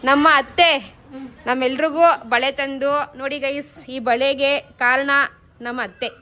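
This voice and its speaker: A woman's voice: high voice, steady tone, slow, bright, forceful tone. A young woman vlogging in a casual, chatty way, mixing English words into her talk and coaxing her relatives. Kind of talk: casual vlog chat.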